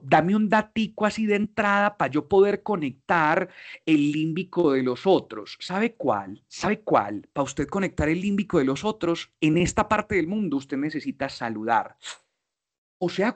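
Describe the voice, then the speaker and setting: A man with a Colombian accent giving a motivational talk in a playful, slangy way, asking himself questions and answering them. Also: a little high. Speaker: speaker.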